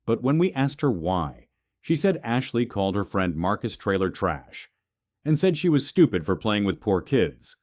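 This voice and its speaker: A man reading the part of a calm, fair school principal who explains things gently. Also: on the low side, moderate pace, no room sound. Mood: gentle.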